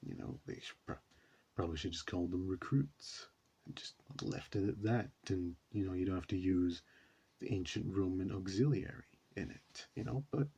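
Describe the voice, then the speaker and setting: Low, husky man rambling casually. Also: normal speed, mellow. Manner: rambling, says you know a lot. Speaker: reaction video host. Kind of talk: casual reaction commentary.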